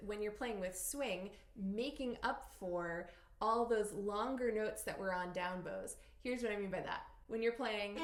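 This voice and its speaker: A woman teaching fiddle technique, explaining clearly and counting beats aloud. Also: fairly high pitch, echoey room. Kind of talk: instructional tutorial.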